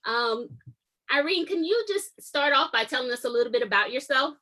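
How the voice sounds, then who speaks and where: A woman's voice: sits high, lively intonation, normal speed, bright, forceful tone, low-quality recording. A woman hosting an author interview, welcoming the guest and asking friendly, encouraging questions. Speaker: interview host.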